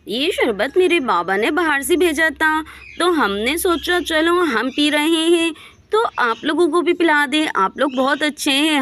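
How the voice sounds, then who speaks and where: A woman voicing a cheerful young woman who eagerly offers drinks to her neighbors, pitched higher and louder than her narration. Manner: bright, eager and chatty. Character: cheerful young woman Reena bringing sharbat.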